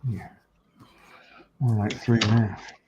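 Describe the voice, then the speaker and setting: A man from Hull with a clear local accent talks casually through his hobby work at an unhurried pace. He mutters to himself as he goes. The recording is dull, with noticeable noise. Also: on the low side, level tone. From England, Hull. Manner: muttering to himself while working. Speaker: hobby model-making demonstrator. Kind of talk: casual hands-on workbench commentary. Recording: dull, noisy room recording.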